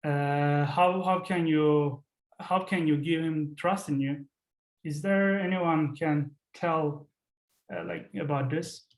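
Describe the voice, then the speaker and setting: In a very echoey recording, a man with a slightly high voice leads an informal lesson. He speaks English as a second language, haltingly, repeating phrases as he puts questions to the group. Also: steady tone. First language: not English. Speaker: host leading a career session.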